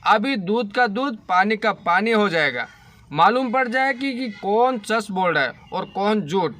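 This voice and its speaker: A man's voice: sits high, expressive, unhurried, pushed and bright, no echo, exaggerated voice. A man voicing a stern, fair-minded father-in-law who speaks firmly and with authority in a spoken story. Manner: firm, authoritative.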